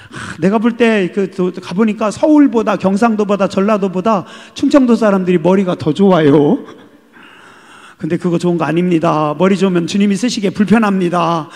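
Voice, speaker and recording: A male pastor preaching a sermon, firing questions at the congregation and swinging between loud calls and hushed words. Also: high-pitched. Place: church sanctuary. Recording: long hall reverb.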